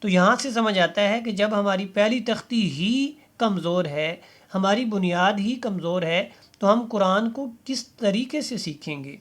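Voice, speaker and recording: A man teaching a Quran reading lesson, drawing out each letter slowly and then explaining how to pronounce it, asking learners to repeat after him. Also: high voice, a bit bright. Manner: slow drawn-out letter recitation between explanations; patient instructive tone, asks learners to repeat. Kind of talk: step-by-step recitation lesson.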